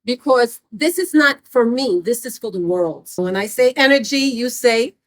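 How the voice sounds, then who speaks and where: A woman's voice: fairly high pitch, animated, moderate pace, no room sound, low-quality recording. A woman explaining the meaning of her shirt in an earnest, emphatic street interview.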